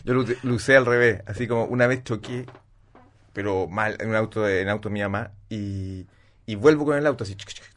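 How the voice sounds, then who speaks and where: A man in a casual chat, telling a story in halting, self-interrupting bits. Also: lowish voice, fairly bright tone.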